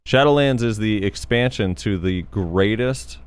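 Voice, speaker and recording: A man hosting a casual gaming podcast, relaxed and laid-back, still in his morning voice. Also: lowish voice, measured pace, smooth. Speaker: podcast host.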